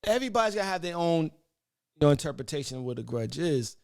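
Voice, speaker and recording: Guy cohosting a live podcast, slightly high voice, laughs a lot, curses casually reading the chat. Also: very animated, fast talker, gravelly, smooth. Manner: laid-back, laughing, profane banter.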